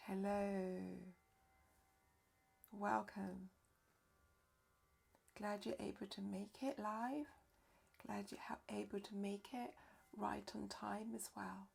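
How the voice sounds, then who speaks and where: A woman leading a live-streamed yoga nidra session as teacher and therapist, speaking softly and slowly, often dropping into a whisper. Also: medium pitch, flat delivery, creaky, breathy edge. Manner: soft, slow, often whispered delivery. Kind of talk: live-streamed guided relaxation instruction.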